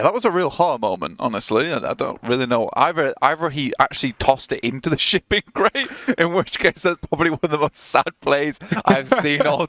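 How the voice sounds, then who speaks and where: A man's voice: on the high side, fairly bright tone, no room sound, clean studio sound. A man giving live esports commentary, chatty analysis with frequent restarts. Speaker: esports caster.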